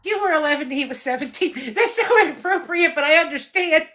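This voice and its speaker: Hosting a live stream, a woman interviews fans in casual chat, teasing her guests and laughing often. Her voice is high, expressive, bright, and forceful, and she speaks briskly.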